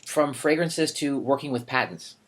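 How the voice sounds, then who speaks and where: Male interviewer, mid pitch, relaxed and conversational. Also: normal speed, poor audio. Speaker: interviewer, host. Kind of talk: casual interview.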